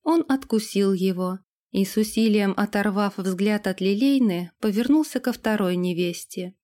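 A woman narrating a fantasy audiobook with expressive, storyteller delivery. Her pitch sits in a middle range, neither high nor low. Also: normal speed.

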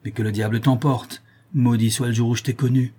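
Reader doing a cowed old fence: lowered, quiet, husky, grudging. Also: male voice, level tone, fairly quick, lightly acted. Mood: resentful. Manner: subdued, grudging and low. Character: fretful older male fence, reluctant and grumbling. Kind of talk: audiobook character voice.

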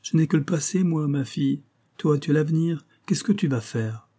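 A man's voice: a little high, animated, moderate pace, dark tone, breathy edge, pitched above the performer's own voice. A man reading an audiobook, voicing a meek, doting old female servant who pleads in a raised voice. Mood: pleading.

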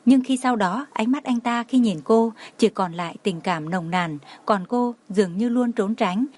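A woman narrating a romance novel as an audiobook, in a steady, even reading tone. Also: on the high side, measured pace.

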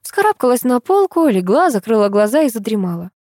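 A woman narrating a humorous first-person audiobook story in a lively, ironic manner. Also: fairly high pitch, brisk, dry recording, clean studio sound.

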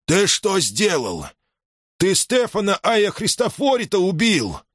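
A man's voice: lowish voice, expressive, measured pace, pushed and bright, no echo, studio quality, heavily acted. A man reading an audiobook, voicing a distraught, loyal older uncle. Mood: angry. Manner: scolding then resigned.

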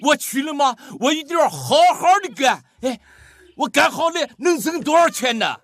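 An actor playing a middle-aged village husband who is lazy and stubborn, blustering and whiny. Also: male voice, very high voice, big pitch swings, moderate pace, fairly bright tone, no echo, studio quality, full character voice. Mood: promising. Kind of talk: radio drama acting.

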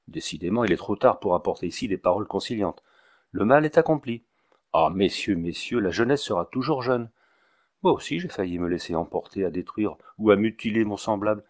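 A man's voice: fairly low pitch, close to an everyday voice. A man voicing a fussy, long-winded male village doctor who speaks in a pompous, ceremonious way.

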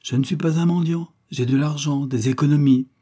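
A man voicing a shrewd middle-aged detective disguised as a gardener, speaking in an assured, deliberate way in an audiobook. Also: on the high side, fairly even intonation, dark tone, pitched above the performer's own voice, close to an everyday voice. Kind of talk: audiobook character voice.

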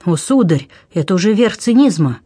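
A man's voice: high-pitched, very animated, normal speed, warm tone, breathy edge, no echo, studio quality, exaggerated voice. A man reading an audiobook, voicing a proud noblewoman, a duchess who is agitated and exclaims in a raised voice. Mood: disbelieving.

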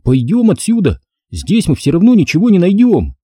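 A man's voice: sits high, huge pitch swings, normal speed, warm tone, breathy edge, no room sound, studio quality, voice pushed up, full character voice. A man voicing a jumpy young boy who gets flustered and indignant in a storybook reading. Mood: alarmed.

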